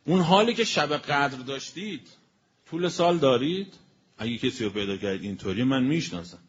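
A man giving a colloquial religious sermon as a preacher. He spells out word meanings slowly and with emphasis, then speeds up. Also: mid-range voice, expressive, husky. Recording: dull lo-fi recording with faint noise.

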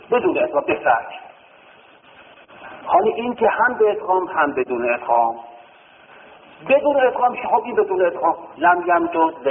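A male teacher talks through a grammar lesson and recites verb forms one after another, asking his own questions and answering them. His voice is fairly high and very animated, jumping up and dropping low. It sounds tinny and lo-fi, caught with a long, roomy hall reverb. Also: slight background noise. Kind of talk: classroom lesson.

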